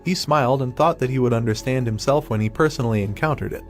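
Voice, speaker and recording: A man giving a scripted narration of a comic's story as a recap narrator, in a steady storytelling manner. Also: medium pitch, fast talker, soft background music.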